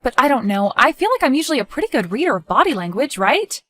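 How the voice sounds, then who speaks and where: A woman playing a skeptical, sharp-tongued adult daughter in scripted story dialogue, expressive and conversational. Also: high-pitched, fast, full character voice. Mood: chatty, confiding.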